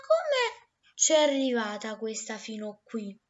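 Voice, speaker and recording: A woman voicing a gruff, careless male farmer in a storybook, booming and dismissive. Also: wildly swooping pitch, slow pace, muffled recording, heavily acted.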